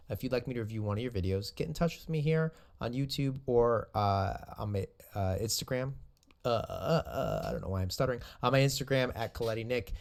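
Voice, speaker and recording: Speaking in a mid-range voice, a man reviews sparring footage as a jiu-jitsu coach. It's relaxed, meandering commentary, full of self-corrections.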